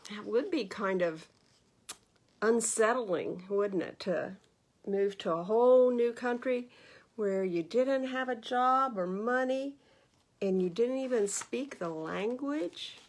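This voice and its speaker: Her voice a little high and her pace slow, a woman reads a picture book to children during storytime. She's a librarian, narrating expressively and breaking off now and then to ask the kids questions.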